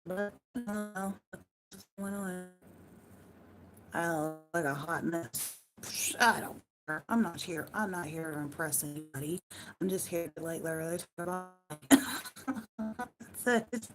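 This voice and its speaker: A hoarse, worn-out-sounding woman chats casually with her live-stream viewers from home, rambling loosely and swearing now and then. Her voice is lowish and unhurried with frequent pauses, and music plays underneath.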